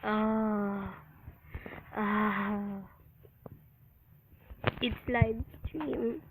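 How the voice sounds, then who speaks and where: A woman's voice: mid-range voice, very slow, long pauses. A woman who sounds under the weather, giving casual commentary as host of a gaming video. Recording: noisy home recording with clicks.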